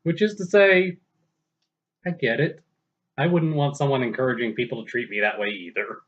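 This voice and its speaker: A man's voice: mid-range voice, normal speed, fairly bright tone. A man co-hosting a casual film review with dry, wry remarks, in a dull lo-fi recording.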